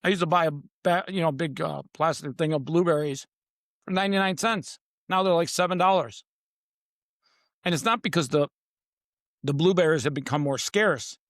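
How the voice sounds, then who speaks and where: Speaking at normal speed in a slightly high voice, an author guesting on a podcast delivers short, emphatic declarations with dramatic repetition in a conversational manner. The recording is studio quality with no echo.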